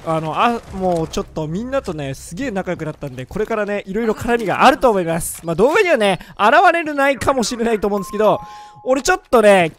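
A man with a hoarse, strained voice talks over a game, excitable and joking at his own expense. His voice sits high and swings up and down a lot. A faint hiss runs underneath. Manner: excitable, joking, self-mocking. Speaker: gaming video creator. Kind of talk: gameplay commentary.

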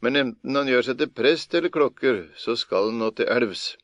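A man's voice: mid-range voice, fairly bright tone, dry recording, close to an everyday voice. A man voicing a sly, cocky young farm lad. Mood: grumbling.

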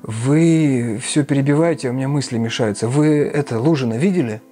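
A man's voice: medium pitch, brisk, warm tone, natural voice. A man voicing a feverish, irritable young man who gives curt commands.

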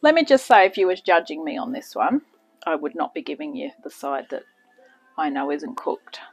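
A home cooking channel host gives a casual demonstration in her kitchen, chatty and quick to mock herself, full of rambling asides. Her low, husky voice is animated at a moderate pace. Faint music plays behind, and the recording is rough.

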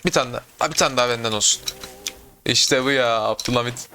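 A young adult man doing casual gameplay commentary, excitable, talking to himself and viewers with sudden yelps. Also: medium pitch, brisk, soft background music. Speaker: gaming YouTuber.

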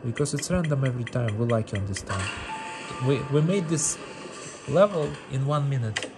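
A man with a mid-range, animated voice speaks at normal speed while streaming a mobile game. His casual commentary is playful, keeps repeating words and phrases, and uses non-native English phrasing, set against game music.

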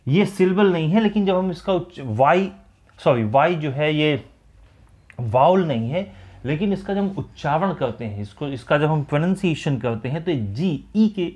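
A man teaching an English grammar lesson, explaining slowly and deliberately. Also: on the high side. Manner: slow, deliberate explaining, mixing English and Hindi.

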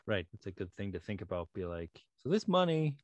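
A podcast host in casual chat, relaxed and agreeable, often backing the guest up. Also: sits low, a little fast, no room sound, dull audio. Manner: relaxed, agreeable, frequent backchannels.

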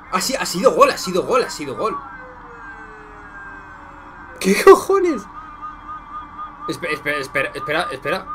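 A young man from Spain with a Spanish accent, reacting live to a football match, excitable and profane, shouting at goals and muttering in between, talking to his viewers like friends. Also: sits high, a little hiss or hum.

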